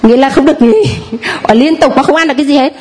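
A woman's voice: high voice, racing, darkish tone. Hesitant woman giving a church testimony. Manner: hesitant, many fillers. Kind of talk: spoken testimony.

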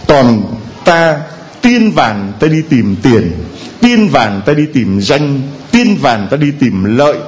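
Lively, playful male priest preaching. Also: mid-range voice, slow pace. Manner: playful and humorous, acting out quoted voices. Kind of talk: sermon to a congregation.

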